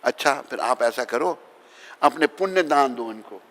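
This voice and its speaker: Gravelly-voiced man preaching in a reverberant hall. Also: medium pitch, expressive, unhurried, a bit bright. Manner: emphatic, exhorting, questions and calls to the audience. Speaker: swami preaching to devotees. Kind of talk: devotional sermon with storytelling.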